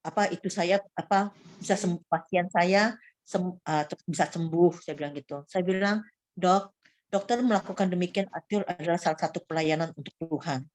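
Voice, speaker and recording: Woman, church testimony, recovering from illness, animated storytelling, restarts. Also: fairly low pitch, moderate pace, low-quality recording. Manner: animated storytelling, quotes her own prayers aloud, frequent restarts. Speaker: church member giving testimony. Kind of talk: personal faith testimony.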